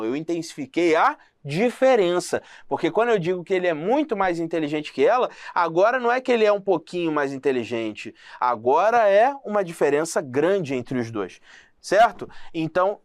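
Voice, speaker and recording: Male English teacher, fairly high voice, patient and explanatory, dry recording. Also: dry recording. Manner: slow, careful reading of English example sentences; checks in often with short questions to the student.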